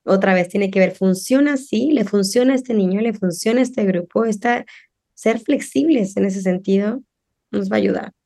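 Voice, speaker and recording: Her voice sits in the mid-range and moves at a normal speed. She's a middle-aged parenting guest on a podcast, talking casually and with animation while voicing the parents and children she quotes.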